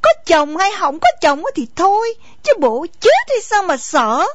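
A woman's voice: very high-pitched, very animated, a little slow, no room sound, heavily acted. A woman voicing a proud, sulky young wife with a Southern Vietnamese accent, talking in a mocking, sarcastic way. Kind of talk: radio drama acting. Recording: dull lo-fi recording, faint music.

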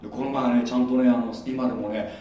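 A man's voice: medium pitch, flat delivery, fast talker, a crowd in the background. A middle-aged male pastor preaching a sermon in a chatty, conversational way, often putting questions to his congregation. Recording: echoey hall, mic far off.

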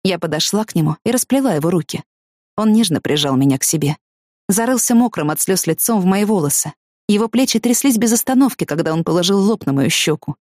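A woman narrating a first-person story in a measured storytelling manner. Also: lowish voice, expressive, a little mellow, no echo, studio quality. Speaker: audiobook narrator.

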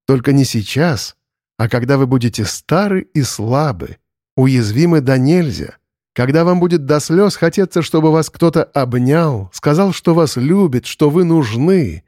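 A man voicing a calm, wise older woman who speaks in a measured, reproachful way in an audiobook. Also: fairly high pitch, dry recording, clean studio sound. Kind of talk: audiobook character voice.

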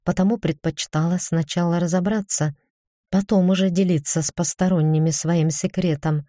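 A woman narrating a first-person fantasy audiobook in an even, measured reading. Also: on the low side, no echo, studio quality.

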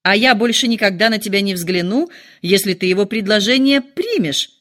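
A woman voicing a calm, wry older father who speaks in a measured, ironic way. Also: medium pitch, lightly acted.

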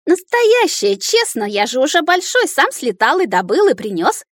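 A woman reading an audiobook, voicing an excitable little boy dragon who gushes his words out breathlessly. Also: sits high, moderate pace, dry recording, clean studio sound, voice pushed up. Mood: excited. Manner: breathless, gushing chatter. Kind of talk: audiobook character voice.

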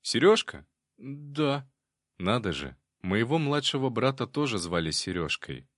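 A man reading an audiobook in calm, measured scripted narration. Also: fairly low pitch, no echo, studio quality.

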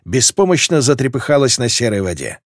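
Expressive male audiobook narrator. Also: mid-range voice, a little fast, no echo, studio quality. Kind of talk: scripted narration.

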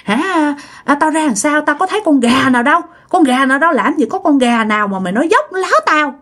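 A woman voicing a possessed old woman who curses and scolds her family in a shrill voice. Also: very animated, measured pace, fairly bright tone, heavily acted. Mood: furious. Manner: shrill, scolding, foul-mouthed. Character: possessed old woman, cursing spirit inside.

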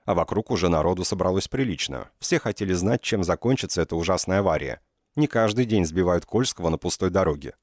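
A male narrator reads an audiobook in a very low voice. His delivery is measured, with a dry ironic edge. The recording is close and dry with no room sound. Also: expressive, darkish tone, no echo. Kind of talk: scripted narration.

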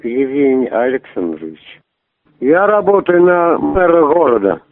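Vulgar, pushy prank caller on a phone line. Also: male voice, medium pitch, very animated, measured pace, dry recording. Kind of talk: crude prank phone call.

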